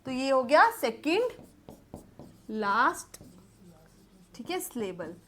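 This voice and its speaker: A woman teacher with an Indian accent giving a vocabulary lesson, mixing Hindi and English, addressing students as "beta" and dictating definitions slowly while she writes. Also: high voice, very animated, a bit bright.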